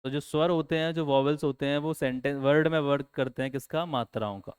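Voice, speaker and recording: A male teacher gives an exam-prep lecture in a smooth, resonant voice that sits a little high. He keeps putting questions to his students and then answers them himself. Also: steady tone, quick pace. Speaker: English teacher.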